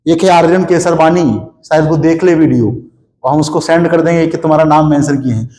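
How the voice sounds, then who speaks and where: On the high side and mellow, this young man's voice is brisk despite his sore throat, and the room echoes. He's teaching a physics class in a hot studio with a board and no air conditioning. He explains step by step and asks students questions that he answers himself.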